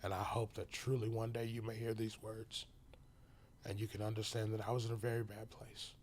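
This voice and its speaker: A man telling his personal story as a podcast guest, halting and full of restarts, sometimes dropping to a whisper. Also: fairly low pitch, little pitch movement, a little mellow, slight background noise. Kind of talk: emotional personal testimony.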